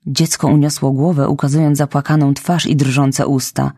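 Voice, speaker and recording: Low, dry-sounding female narrator, expressive storybook reading. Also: dry recording. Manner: expressive, measured.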